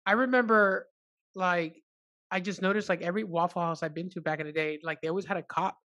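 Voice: medium pitch, fairly even intonation, fairly quick, sharp tone. Podcast host, hungover, casual chat, loose and swearing.

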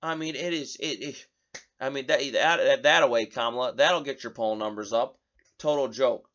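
A man's voice: mid-range voice, moderate pace, fairly bright tone, dull audio. A male talk show host giving an indignant, sarcastic political commentary monologue, often restarting his words.

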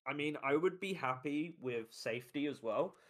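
A man's voice: fairly high pitch, lively intonation, normal speed. A man co-hosting a podcast, talking sports in a blunt, casual way and swearing freely. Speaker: podcast co-host. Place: lives in Ohio.

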